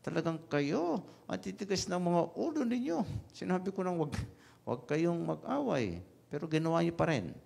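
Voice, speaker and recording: A man voicing an exasperated mother scolding her two quarrelling sons, in a high put-on falsetto. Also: sing-song, moderate pace, vocal fry, darkish tone, heavily acted.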